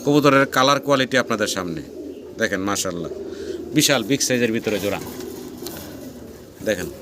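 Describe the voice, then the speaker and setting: A man with a Bangladeshi Bengali accent giving a fast sales tour of a pigeon farm, repeating prices and blessings as he shows each pair. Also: on the low side, expressive. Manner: rapid patter, repeats prices, frequent blessings. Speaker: pigeon seller channel host. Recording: noisy farm recording with pigeons. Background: pigeons cooing.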